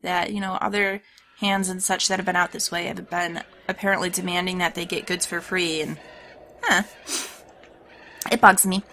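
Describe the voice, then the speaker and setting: A woman's voice: lowish voice, fairly even intonation, moderate pace, pauses often, bright, forceful tone. A woman with a scratchy, sore-throat voice gives casual video game commentary as host, chattily thinking aloud as she plays. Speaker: host of a let's play series.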